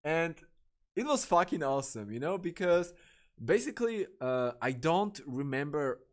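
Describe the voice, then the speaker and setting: A man's voice: a little high, moderate pace. Young male podcaster, rambling profane storyteller. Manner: rambling, profane, excitable, many fillers and restarts. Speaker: podcast host. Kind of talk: casual storytelling.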